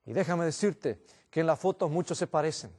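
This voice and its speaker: A man's voice: fairly high pitch, expressive, a little fast, darkish tone. A man preaching an earnest sermon as pastor in a church, addressing the congregation as brothers.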